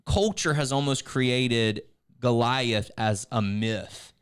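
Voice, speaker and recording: A man's voice: mid-range voice, slow, clear, resonant tone. A man, co-hosting a casual church video chat, rambling with frequent restarts and turning encouraging. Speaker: church staff co-host.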